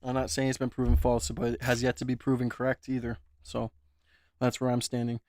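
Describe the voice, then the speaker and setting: On his own livestream, a man with a sore throat speaks briskly in a completely flat, medium-pitched, darkish voice, with no echo. He's chatty, reading out viewer comments and asking for likes.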